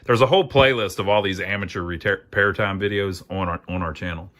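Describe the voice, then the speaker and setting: On his amateur electronics repair channel, a man narrates the job briskly in a low, fairly bright voice. The tone is casual and folksy, as if he's just thinking aloud while fixing things.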